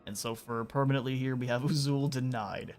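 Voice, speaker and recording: A man narrates his strategy game stream in a relaxed, chatty way, explaining moves and lore as he goes. His voice sits at an ordinary middle pitch, with soft music running faintly underneath. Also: fairly quick. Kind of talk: casual gameplay commentary.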